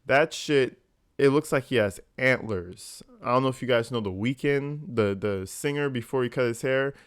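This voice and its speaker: A man's voice: medium pitch, normal speed, clear, resonant tone, no room sound, studio quality. A man giving informal, incredulous commentary as a video host, swearing casually.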